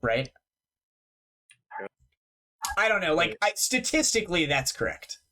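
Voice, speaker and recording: Chatty male game master, lively pitch. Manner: quick, chatty rules explanations. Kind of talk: running a tabletop game online.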